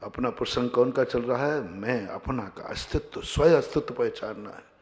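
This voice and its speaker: A man, a Jain monk, giving a sermon full of questions to his listeners, swinging from emphatic loud peaks to quiet low passages. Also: normal speed. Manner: rhetorical questions to the audience, rising to emphatic outbursts then dropping low. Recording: long hall reverb.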